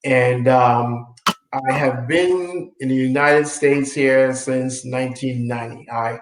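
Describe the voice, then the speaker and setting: A man from Trinidad and Tobago speaks as co-host in a casual, friendly chat, often pausing on ums and uhs. His voice sits at a middle pitch. The sound is roomy and echoey, as on a video call. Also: a little hiss or hum. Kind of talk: casual self-introduction on a live stream.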